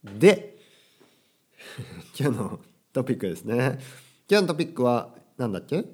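A man's voice: mid-range voice, very animated, a little slow, a little mellow, slightly rough. A young man teaching casually, with playful quotes of characters and phrases. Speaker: Japanese teacher. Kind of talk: casual language lesson.

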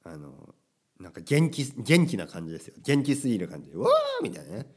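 Here the Japanese podcast host sounds low and husky, very animated and fast-talking. Teaching Japanese alone on his own show, he speaks casually and energetically with many short tag questions.

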